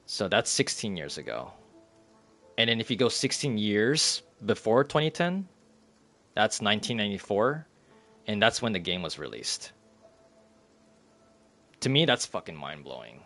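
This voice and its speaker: Rambling low-voiced male streamer. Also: a bit bright. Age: 30s. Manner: rambling, laughs often, reads chat aloud. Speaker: live streamer. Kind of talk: casual live-stream chat.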